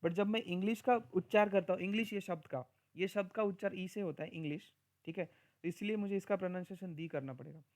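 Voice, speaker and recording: A man gives a recorded grammar lecture. He explains step by step, slows down for each example sentence and keeps checking that his listeners are following. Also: high-pitched, a little mellow. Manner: mixes Hindi and Marathi with English; says example sentences slowly and deliberately. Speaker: English grammar teacher.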